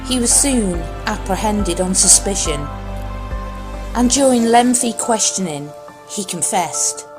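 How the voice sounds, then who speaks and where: A woman's voice: mid-range voice, expressive, measured pace. A woman reading a scripted narration of a local ghost legend. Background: loud music.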